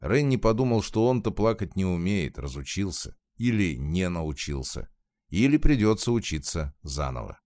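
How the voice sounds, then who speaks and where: Man, low voice, lively expressive audiobook narration, calm measured pace, dry close sound. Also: no room sound.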